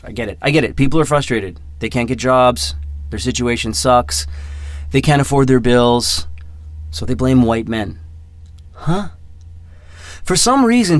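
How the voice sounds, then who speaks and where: A man's voice: medium pitch, no echo. A man in his thirties hosting his own podcast in a casual, rambling monologue, mocking himself and repeating his words. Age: 30s. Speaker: podcast host.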